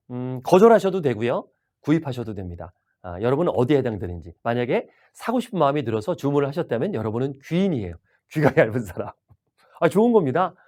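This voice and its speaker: A man gives a sales training lecture at a brisk pace. His voice rises and falls a lot as he puts questions to the audience. The delivery is energetic and conversational. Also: mid-range voice. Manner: animated, asks the audience questions. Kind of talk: video lecture.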